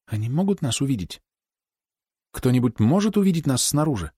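A man reading an audiobook who voices a frightened young woman, pleading in an urgent, hushed manner. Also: mid-range voice, a little fast, dry recording, clean studio sound, voice pushed up, natural voice. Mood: hushed fearful.

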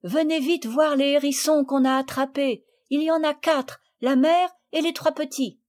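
A woman reading aloud voices an excitable, tender-hearted little girl who calls out loudly. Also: high-pitched, normal speed, pitched above the performer's own voice, natural voice. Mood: excited. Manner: excited, pleading, loud.

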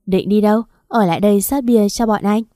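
Drunk, leering men coax and press in raised voices, as a woman reads them aloud. The voice stays mellow and dry, in a spoken storybook. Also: medium pitch, brisk, no echo, lightly acted. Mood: pushy. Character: drunk male partygoers, leering and pushy.

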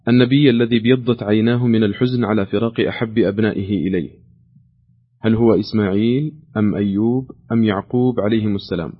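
Fast-talking low-voiced quiz host man. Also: steady tone, breathy edge, phone-quality sound. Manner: reads questions out, patiently repeats options. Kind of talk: call-in quiz hosting.

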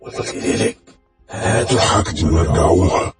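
Guy doing a creepy bloody ghost kid, low and threatening, echoey. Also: faint music behind, close to an everyday voice. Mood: menacing. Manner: threatening, slow and heavy. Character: vengeful bloodied ghost boy, menacing.

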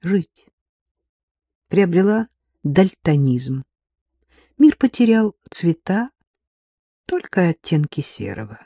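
A woman narrates a literary novel with measured, emotional delivery. Her voice is warm, soft and a little breathy. The recording is close and dry. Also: lowish voice, very animated, dry recording. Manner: measured, emotional, slowing on key phrases. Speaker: audiobook narrator.

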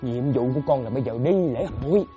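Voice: medium pitch, highs cut off, over music, close to an everyday voice. A performer playing a playful old male fairy spirit who rambles and teases in a comic sketch. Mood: reassuring. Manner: long rambling comic rants, quick exclamations.

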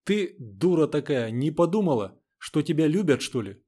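A man's voice: a little high, sing-song, normal speed. A man reading the part of a young woman who scolds her friend through tears. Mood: tearful tender. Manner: soft, tearful.

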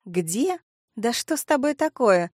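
A woman doing a shrill, gushing young woman. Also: sing-song, measured pace, no room sound, studio quality. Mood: indignant. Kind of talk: audiobook character voice.

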